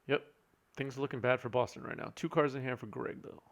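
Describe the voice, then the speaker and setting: Gravelly-voiced male game commentator. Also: mid-range voice, fast, a bit bright. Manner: easygoing, joking, reads chat aloud. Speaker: co-host and commentator.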